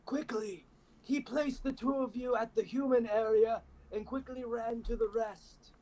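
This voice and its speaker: Male co-host, high-pitched, unhurried, sardonic comic narrator, light noise. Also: steady tone, darkish tone, poor audio. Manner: wry, swears casually, adds sarcastic asides. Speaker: co-host reading fan fiction. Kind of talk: comedic dramatic reading.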